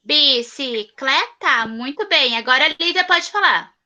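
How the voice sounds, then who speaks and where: High, bright-voiced Brazilian teacher. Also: female voice, animated, dull audio, a little hiss or hum. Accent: Brazilian Portuguese. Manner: patient, repeats each answer slowly and praises. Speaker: primary school teacher. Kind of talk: online class with young children. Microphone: computer mic on a video call.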